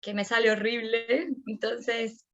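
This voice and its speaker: A woman's voice: fairly high pitch, a little slow. A young woman with a Venezuelan Andean accent, telling personal stories as an interviewee and acting out her own and her child's words. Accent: Venezuelan Andean Spanish. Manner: animated, acts out her own and her child's words with sudden rises. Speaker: interviewee, immigrant mother. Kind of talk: emotional personal storytelling. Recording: muffled lo-fi recording.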